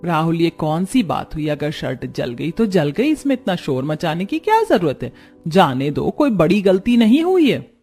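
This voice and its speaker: A woman's voice: lowish voice, sing-song, normal speed, warm tone, breathy edge, soft background music, exaggerated voice. A woman voicing a kind middle-aged mother-in-law in a cartoon story who speaks in a soothing, motherly way. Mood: scolding.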